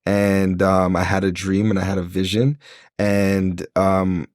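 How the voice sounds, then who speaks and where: On a podcast, this Jamaican businessman speaks in an unhurried, low-pitched voice that's slightly mellow and barely shifts in pitch. His casual interview talk is earnest and inspirational but full of fillers and restarts, and the studio-quality recording is dry.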